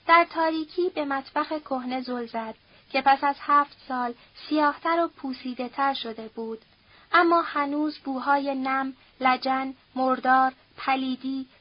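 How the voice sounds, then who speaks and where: A woman reading a novel aloud as an audiobook narrator, at a steady, measured pace. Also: high-pitched, no echo, muffled recording. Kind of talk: scripted narration.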